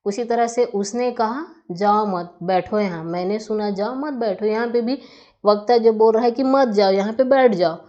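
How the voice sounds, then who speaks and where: A woman teacher talks through a grammar lesson in a patient, explanatory way, often pausing to pose questions to her students. Her voice sits in an ordinary middle pitch. The recording sounds a bit dull and lo-fi. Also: mellow.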